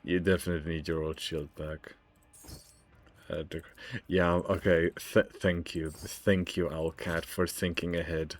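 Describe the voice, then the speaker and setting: A man's voice: low-pitched, little pitch movement, measured pace. A man giving casual let's play commentary on a video game, stammering and repeating himself as he thinks aloud. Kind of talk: casual playthrough commentary with text read aloud.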